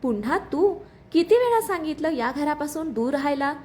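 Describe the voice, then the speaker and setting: A woman voicing a scheming mother-in-law who speaks angrily and loudly. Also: high-pitched, big pitch swings, normal speed, a little hiss or hum. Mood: angry. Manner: angry, shouting.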